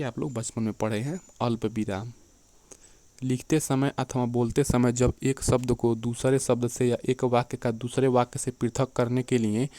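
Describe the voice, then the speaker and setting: A male teacher talks through an exam-prep lecture at a middle pitch, often checking in with his students. His voice is recorded close and dry, with no room sound. He slows down to read definitions and examples aloud. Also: mellow, no echo. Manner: keeps checking in with "theek hai" and "dekhiye".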